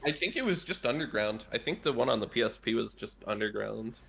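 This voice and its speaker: Giggly man with a creaky, bright voice. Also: medium pitch, animated, a little fast. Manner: giggly, rambling with many restarts. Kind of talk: casual chat.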